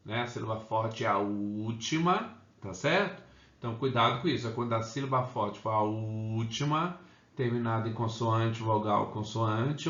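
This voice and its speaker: Man, unhurried classroom teacher, frequent check-ins, dull echoey room sound. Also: medium pitch, a bit bright. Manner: slow, repeats "tá?" and "ok?" to check understanding. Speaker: English teacher. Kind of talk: Portuguese-language grammar lesson.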